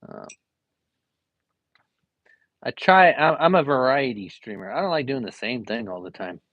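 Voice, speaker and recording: A man's voice: mid-range voice, very animated, a little slow, no echo, phone-quality sound. A young adult man, an art teacher and variety streamer, chatting casually and rambling with many fillers while drawing live at home. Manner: rambling, easygoing, lots of fillers.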